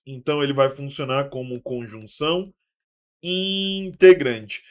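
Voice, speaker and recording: A man teaching a recorded online grammar lesson for exam prep. He talks in a lively way, checks in with viewers through constant tag questions, and acts out student questions himself. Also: a little high.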